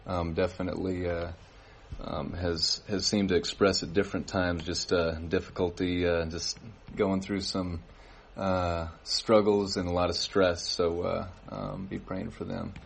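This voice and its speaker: Man, low flat voice, halting church announcements, noisy room. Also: creaky. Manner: halting, many fillers and restarts. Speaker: worship leader giving announcements. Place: church service.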